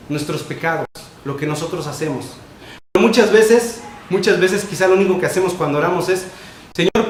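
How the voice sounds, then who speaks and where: A man preaching a sermon as pastor, emphatic and repetitive, with quick shifts between loud and soft. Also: on the high side. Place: church sanctuary. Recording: echoey church room with faint noise.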